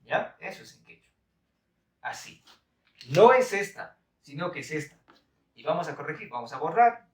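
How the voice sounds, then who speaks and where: A man's voice: a little high, big pitch swings, moderate pace, pauses often, reverberant, recorded from a distance. A man teaching a live-stream language lesson in a chatty, laughing way, reading viewer comments aloud. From Bolivia. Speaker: Quechua teacher.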